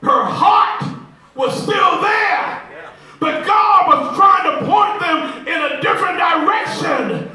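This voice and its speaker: A man preaching with fervor in a church, his high, bright voice rising into slow, stretched shouts. He speaks through a handheld mic, recorded from a distance in a very echoey sanctuary, with organ and congregation faintly behind. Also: animated, a faint crowd. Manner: impassioned call-and-response preaching, shouting in sustained whoops. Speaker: pastor. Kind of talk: sermon. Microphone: handheld microphone.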